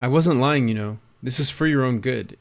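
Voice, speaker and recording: A man voicing a folksy, smooth-talking older man in a game, reassuring and persuasive. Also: medium pitch, normal speed, lightly acted. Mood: coaxing. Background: game music.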